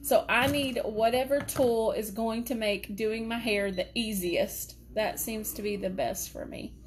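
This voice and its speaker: Middle-aged lady chatting thru a hair tutorial, highish voice, faint hiss behind. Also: fairly even intonation, unhurried. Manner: chatty, laughs often, talks to pets. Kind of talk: casual live chat while styling hair. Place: home office.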